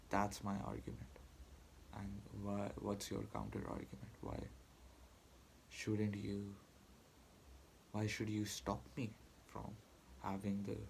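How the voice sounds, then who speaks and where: Man, angry rant, swearing, halting restarts, gravelly low voice, flat delivery, faint hiss behind. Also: rough recording. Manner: heated, profane, halting with restarts. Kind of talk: angry personal rant to camera.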